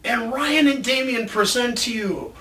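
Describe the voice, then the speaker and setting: The host of a casual chat show about movies, a man with a very high, sharp voice, rambles along enthusiastically while speaking a little slowly. A distant mic captures him, along with faint background noise.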